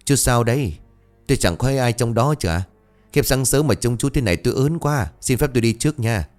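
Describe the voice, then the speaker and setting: A prying, teasing middle-aged village woman pokes fun at her jittery neighbor, her voice pitched up and quick, as a male storyteller puts her on. She rises and falls widely over soft background music. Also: animated, lightly acted. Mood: uneasy.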